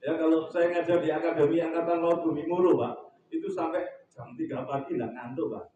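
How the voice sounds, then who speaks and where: A man's voice: a little high, steady tone, brisk, warm tone, dull audio, a little hiss or hum. A middle-aged East Javanese man preaching at a neighborhood religious gathering, a humorous storyteller who acts out quotes and quizzes his listeners. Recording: echoey, far from the mic.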